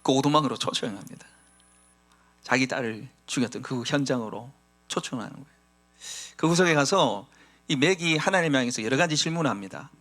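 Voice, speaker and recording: A man's voice: medium pitch, expressive, brisk, long pauses, fairly bright tone. A man preaching a sermon as pastor, speaking emphatically and acting out quoted lines.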